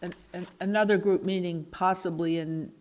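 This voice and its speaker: Woman, board member, lowish voice, earnest, explaining. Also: steady tone, normal speed, darkish tone. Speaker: selectboard member. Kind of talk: town board meeting discussion.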